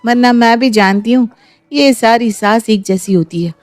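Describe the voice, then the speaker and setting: Female VO: suspicious young daughter-in-law, argumentative, slightly high, dry. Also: a little slow, a little mellow, no room sound, faint music behind, close to an everyday voice. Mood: sarcastic. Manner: sarcastic, argumentative. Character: young bride, sharp-tongued and suspicious.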